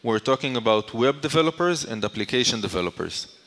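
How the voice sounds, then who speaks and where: This presenter's mid-range voice is expressive and a little fast, with a fairly bright tone. He addresses a conference audience in a big, echoing hall, explaining his points by asking questions and then supplying the answers.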